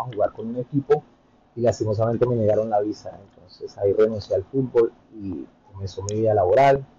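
A Colombian man in his thirties speaks with a low, husky, mellow voice. He tells his story at an easy pace, filling pauses with hesitant sounds. The audio is dull and lo-fi. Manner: relaxed, hesitant with frequent fillers. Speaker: podcast guest. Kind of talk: conversational interview storytelling.

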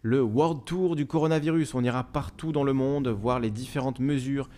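A man hosting a live stream, chatting casually and reading out viewer messages, speaking haltingly with many fillers and restarts. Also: mid-range voice, mellow. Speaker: livestream host.

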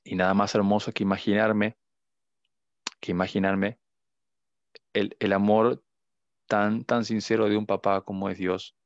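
An earnest young man with an Argentine accent shares a heartfelt faith testimony. His voice is low, gravelly and flat in pitch. The sound is dull and lo-fi. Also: measured pace, pauses often, no echo. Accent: Argentine Spanish. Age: young adult. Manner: earnest, emotional, reflective. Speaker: guest.

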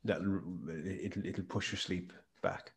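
This man's voice is low-pitched and fairly even, slow, with a breathy edge. He's a health and performance speaker from County Mayo, and as a podcast guest he tells stories with emphasis in his west of Ireland accent.

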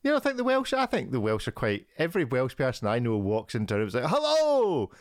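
A man's voice: medium pitch, sing-song, fast, no echo. A man hosts a casual podcast, ribbing his co-hosts and laughing easily. His voice sits in an ordinary mid range. The sound is close and dry, with no room around it. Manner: teasing, jokey, laughs often. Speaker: podcast host.

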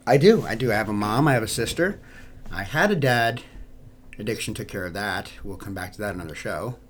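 A man's voice: on the low side, lively intonation, brisk, slight background noise. An American man from New York hosting a podcast, talking informally to listeners in an earnest, personal and plain-spoken way. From New York, United States. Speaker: podcast host.

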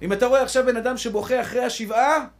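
A man with a high voice giving a sermon to his congregation as a rabbi. He preaches with passion, repeats key phrases again and again, and keeps calling his listeners brothers. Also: steady tone. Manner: impassioned, repeats phrases for emphasis.

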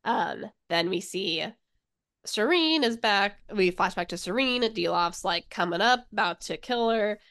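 A woman's voice: medium pitch, lively intonation, a little slow, fairly bright tone. A young woman co-hosting a podcast, retelling a book's plot in casual chat with a hesitant, giggly manner. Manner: hesitant, lots of filler, giggly. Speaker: podcast co-host. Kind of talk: casual book discussion.

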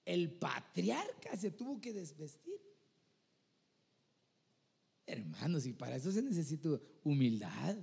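A man delivering a sermon in a notably high voice, earnest and conversational. He keeps turning to his listeners as brother and asking for their nod. His voice rings with the long reverb of a church hall. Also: huge pitch swings, unhurried, gravelly, long pauses, a little mellow, slightly rough. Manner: addresses listeners as "hermano", keeps asking "¿verdad?"; earnest, conversational preaching with vivid examples. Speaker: preacher.

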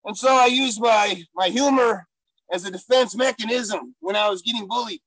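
A man voicing a gruff, silly male gorilla who wants to be a stand-up comic, talking in broken English with loud bursts. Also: high voice, normal speed, no room sound, poor audio. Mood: boastful. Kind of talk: improvised comedy character interview.

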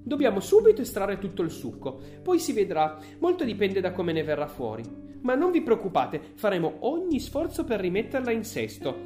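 A woman's voice: mid-range voice, wildly swooping pitch, normal speed, dark tone, soft background music, voice pushed up. A woman voicing a fretful, eccentric male candy maker who sighs and apologizes. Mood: apologetic. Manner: sighing, apologetic, fussing.

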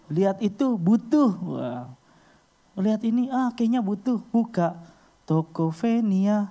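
A man giving a casual storytelling sermon, acting out little scenes with sudden leaps in pitch. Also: takes it slowly. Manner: animated, acts out little scenes with sudden high jumps in pitch.

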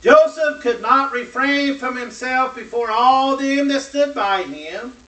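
Male Bible teacher with a very high, slow, deliberate read and pointed questions, recorded from afar in an echoey room. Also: sharp tone. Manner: slow emphatic delivery with rhetorical questions. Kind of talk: Bible lesson reading scripture with commentary. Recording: roomy echo from a distant mic.

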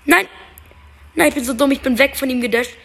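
A young woman chatting casually while playing a game, excitable and slangy, cursing when things go wrong. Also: sits high, fairly quick, creaky. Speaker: gamer. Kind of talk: casual gaming chat. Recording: faint background noise.

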